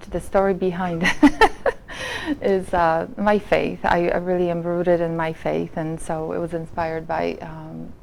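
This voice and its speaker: A woman from Poland, a painter and nurse, talking softly and haltingly in a casual interview. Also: low voice, creaky, a little hiss or hum, rough recording. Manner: soft-spoken, halting, with fillers and restarts.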